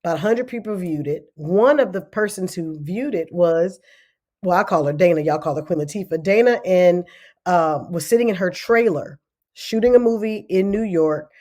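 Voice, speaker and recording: A middle-aged woman telling stories in a casual podcast interview, animated and lively. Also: on the low side, moderate pace. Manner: animated, acts out other people's voices. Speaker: podcast guest.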